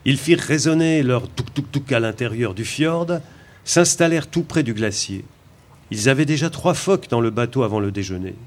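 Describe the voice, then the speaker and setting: A man narrating a story as a scripted audiobook reading, with a measured storytelling delivery. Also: medium pitch, lively intonation.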